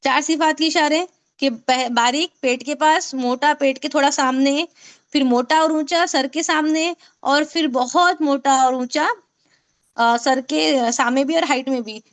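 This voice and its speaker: A woman teaching Quran recitation online speaks in a high, light, unhurried voice during a video-call lesson. Patient in her explanations, she repeats each sound many times for her students to practice.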